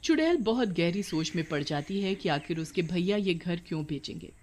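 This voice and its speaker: A woman narrating a cartoon storybook. Her delivery stays even and soft, moving the tale along. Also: on the low side, normal speed.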